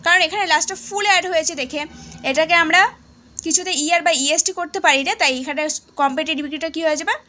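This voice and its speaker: A woman teacher with a Bengali accent explaining an English lesson, reading English sentences slowly and then explaining them casually. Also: very high voice, bright, forceful tone, a little hiss or hum.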